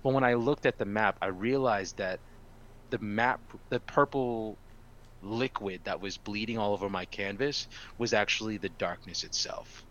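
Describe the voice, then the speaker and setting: A man co-hosts a casual podcast and tells his stories with animated energy and a lot of swearing. His voice is low-set and sharp, with a bright, tense edge. The audio sounds dull and lo-fi. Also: normal speed, slight background noise. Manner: animated storyteller, swears freely. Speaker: podcast co-host.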